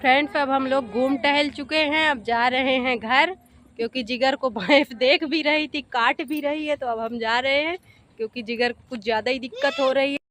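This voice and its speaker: A woman's voice: high-pitched, normal speed, a bit bright, slight background noise. A middle-aged woman chatting casually to viewers in a home vlog, first on a walk outdoors and then in her kitchen. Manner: chatty, addresses viewers as friends. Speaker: vlogger.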